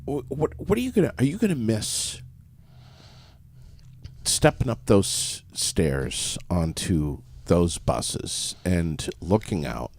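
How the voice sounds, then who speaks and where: A man interviewing a guest conversationally, with animated and somewhat dramatic phrasing. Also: low voice, no room sound.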